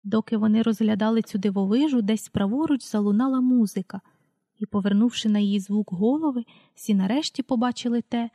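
A woman reading a children's story aloud in a calm, unhurried way, calling out page numbers as she goes. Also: a little high, no room sound, clean studio sound. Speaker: audiobook reader.

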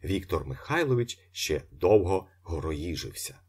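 Husky guy reading a novel aloud, low voice, very lively. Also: unhurried. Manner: expressive, vivid. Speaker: narrator. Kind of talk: audiobook narration.

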